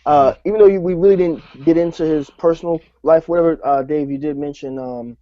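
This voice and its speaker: A man from New Jersey co-hosting a panel discussion, animated and full of fillers and restarts. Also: a little high, a little fast. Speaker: podcast co-host. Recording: dull, lo-fi audio.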